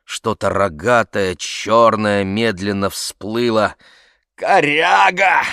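Чтец-мужчина, драматичное размеренное чтение, без эха. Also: male voice, fairly low pitch, normal speed, no echo, clean studio sound. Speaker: audiobook narrator. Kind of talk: scripted narration.

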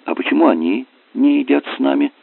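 A man reading an audiobook, voicing an earnest, idealistic teenage boy who protests in a hushed, indignant tone. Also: medium pitch, expressive, fast talker, vocal fry, dry recording, pitched above the performer's own voice. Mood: curious. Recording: dry, narrow phone-like sound.

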